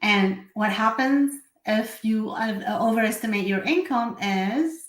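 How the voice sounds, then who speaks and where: A woman's voice: a little high, slow pace. Syrian-born lady, chatty bookkeeping host, lots of ums and restarts, echoey room. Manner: chatty, with many fillers and self-corrections. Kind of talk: casual live explainer.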